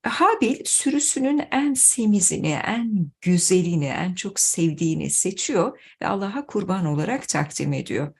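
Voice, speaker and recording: Low, gravelly-voiced woman giving a religious talk. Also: expressive. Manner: measured, earnest address to followers. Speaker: religious teacher.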